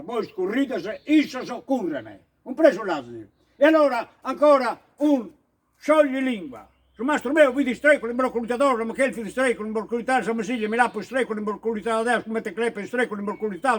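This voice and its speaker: A man voicing a gruff rustic mountain villager with a Sardinian accent, who bursts into scolding shouts. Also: very high voice, big pitch swings, measured pace, full character voice.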